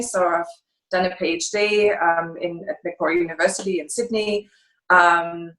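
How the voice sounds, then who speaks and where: A middle-aged German woman with a German accent, founder of a consultancy, answers interview questions over a video call from a room at home beside a fireplace. Her mid-range, fairly bright voice is thoughtful and hesitant as she searches for words, and the room sounds echoey.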